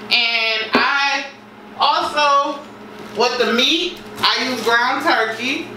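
A woman in her thirties chats as she cooks in her home kitchen, relaxed and fond of folksy phrases. Her high-pitched voice draws out words, picked up by a distant camera mic in a roomy space with clattering dishes and slight background noise.

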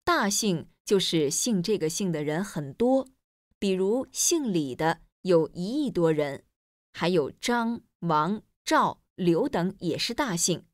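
A woman with a low-set, lively voice explains things to a student in a scripted listening dialogue. She talks clearly and at a measured pace. The recording is dry, with no room sound. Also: no echo. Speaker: teacher in a scripted textbook dialogue.

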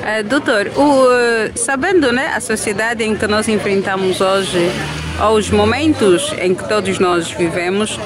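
A woman's voice: medium pitch, measured pace. A woman reporter, putting a formal, hesitant question to a doctor at an outdoor health fair. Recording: crowd noise behind.

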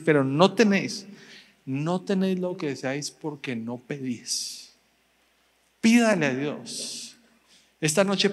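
A middle-aged man preaching a sermon in a church, swinging between loud emphatic calls and soft personal storytelling. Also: fairly high pitch, big-room sound. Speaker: pastor. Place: church sanctuary.

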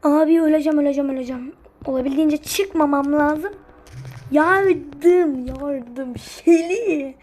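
A woman's voice: high voice, steady tone, fairly quick. A woman commentating her own gameplay, swinging between muttered asides and frustrated, cursing outbursts at her teammates. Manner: drops to muttered asides between loud cries. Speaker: gaming streamer.

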